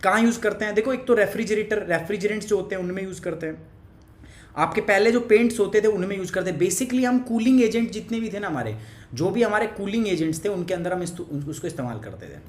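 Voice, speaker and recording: A fast-talking man with a high-pitched voice teaches a chatty live class online, teasing viewers by name. He coughs, and the room has an echo.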